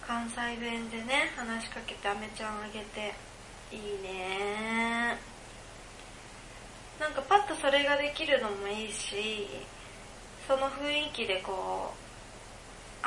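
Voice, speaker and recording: Here a podcast co-host chats casually by herself, going through listener mail and rambling as she thinks aloud, giggling frequently. Her voice sits on the high side with a fairly bright tone, and the echoey room adds a little hiss or hum.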